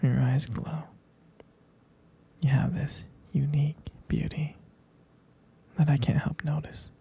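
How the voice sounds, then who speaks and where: A performer plays an adoring, flirtatious partner at bedtime for ASMR, using a gravelly, breathy whisper that stays mid-range and fairly flat. She speaks slowly and haltingly in hushed, loving tones. A little hiss or hum sits under the audio.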